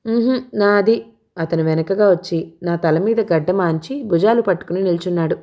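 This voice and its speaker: A woman reading a novel aloud in first person as a narrator, with an expressive, steady delivery. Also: lowish voice, brisk.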